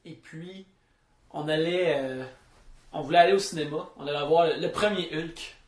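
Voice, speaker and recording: Higher-pitched Abitibi man in echoey room. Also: normal speed. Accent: Abitibi Quebec French. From Abitibi, Quebec, Canada. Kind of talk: casual anecdote telling. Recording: roomy, echoey room sound.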